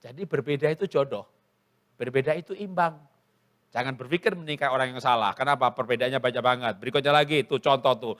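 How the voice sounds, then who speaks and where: A middle-aged male pastor preaching a humorous sermon, telling lively stories and acting out dialogue at a church service. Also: mid-range voice, fast. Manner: lively storytelling, acts out dialogue.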